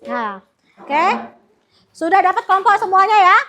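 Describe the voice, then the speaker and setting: Very high-voiced bright young woman teacher. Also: sing-song, moderate pace, a little hiss or hum. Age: young adult. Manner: upbeat, coaxing, calls pupils forward. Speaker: student teacher. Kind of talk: classroom teaching. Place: primary school classroom.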